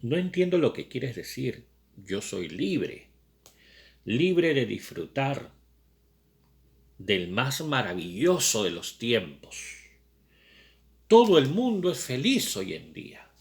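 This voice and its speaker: Una joven horrorizada y al borde del llanto, a la que un hombre pone voz al leer una novela en voz alta. Habla con exclamaciones subidas de tono y suplicantes. La voz suena alta y muy melodiosa. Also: male voice, medium pitch, very animated, slow pace, vocal fry, long pauses, voice pushed up, heavily acted. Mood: insistent. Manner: raised, pleading exclamations. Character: shocked, tearful young woman.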